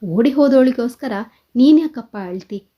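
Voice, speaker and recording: A woman's voice: high voice, animated, normal speed, slightly rough. A woman voicing a young woman who is a stubborn, devoted daughter, speaking in a pleading way, in a dull lo-fi recording.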